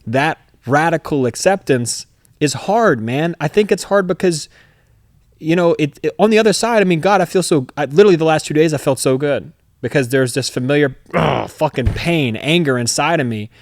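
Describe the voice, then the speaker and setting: A man's voice: fairly high pitch, lively intonation, moderate pace, no echo, clean studio sound. A profane, emphatic man telling a story. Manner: emphatic, profane, swings into loud re-enacted outbursts. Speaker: podcast host. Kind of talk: candid conversational storytelling.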